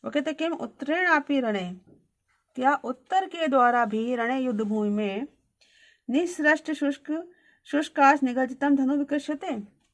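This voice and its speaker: A woman's voice: high-pitched, a little slow. A woman teacher reading Sanskrit verses aloud, then translating and explaining them line by line.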